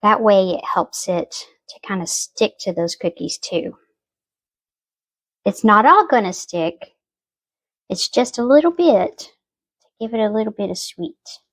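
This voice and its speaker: With a mid-range, expressive voice, this home cooking host moves at a measured pace and leaves long pauses. She chats warmly and casually, guiding viewers through every step of her dish.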